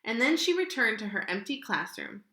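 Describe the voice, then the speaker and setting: A woman reading a children's picture book aloud in an expressive, dramatic way, drawing out key words. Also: a little high, moderate pace, roomy sound. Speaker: storybook reader.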